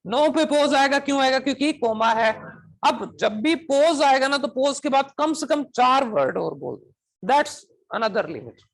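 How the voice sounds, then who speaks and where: A man's voice: very high voice, expressive, moderate pace, vocal fry, a bit bright. A man teaching a coaching class, constantly asking students whether they understand and drilling them with questions. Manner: switches between Hindi and English demonstration phrases.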